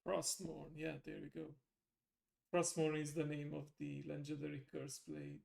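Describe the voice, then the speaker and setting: A man giving casual, halting gameplay commentary as he recaps a game's story. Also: fairly high pitch, little pitch movement, vocal fry, darkish tone. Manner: halting, unhurried. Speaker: game streamer giving a lore recap.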